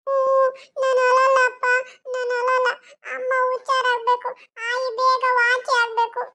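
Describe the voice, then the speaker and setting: A woman voicing a small, tearful boy in a cartoon who pleads slowly for his mother. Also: extremely high pitch, monotone, bright, forceful tone, voice pushed up, heavily acted. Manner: whiny, pleading, slow. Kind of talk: cartoon voice acting.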